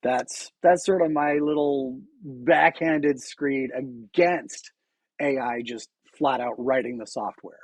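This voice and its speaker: Slow and lively in intonation, this mid-range male voice has vocal fry and a slightly mellow quality with no room sound. He casually narrates his coding stream while typing, frequently restarting sentences amid fillers.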